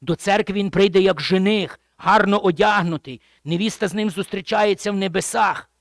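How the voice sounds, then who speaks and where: A man preaching a sermon as pastor, speaking with emphasis and often dropping to a hushed, low voice at the end of a phrase. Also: moderate pace, creaky, no echo, studio quality. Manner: repeats and restates phrases while explaining.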